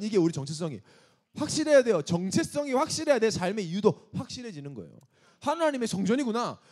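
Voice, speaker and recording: A man's voice: high voice, a little mellow. A man preaching an emphatic sermon to young adults as pastor, scolding and asking rhetorical questions.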